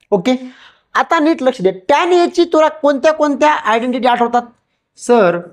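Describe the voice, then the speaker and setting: Slow, patient woman teacher explaining to a child. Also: fairly high pitch. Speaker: maths teacher. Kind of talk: step-by-step lesson, explaining to a child.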